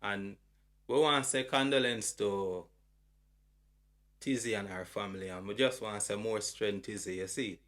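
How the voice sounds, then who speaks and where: A Jamaican man introduces the talk in a relaxed, easygoing way. His voice is fairly low for a man, and he keeps checking in with his listeners. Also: moderate pace. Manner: laid-back, asks "you see it?" after lines. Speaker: channel host. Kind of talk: casual introduction.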